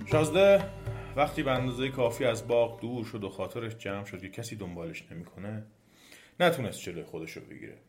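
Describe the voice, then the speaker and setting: A man narrating a folk tale for a storytelling podcast, measured and expressive. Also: fairly low pitch, soft background music.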